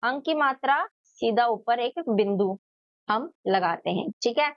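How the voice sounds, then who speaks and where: A woman teacher giving a children's lesson, sounding out each letter slowly and answering her own questions. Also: a little high, animated, no room sound, dull audio.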